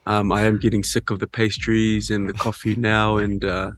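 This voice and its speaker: A rugby player and show host with a New Zealand accent answers interview questions in a casual chat, hesitant and laid-back with plenty of ums. His voice is fairly low and flat, his pace moderate, with slight background noise.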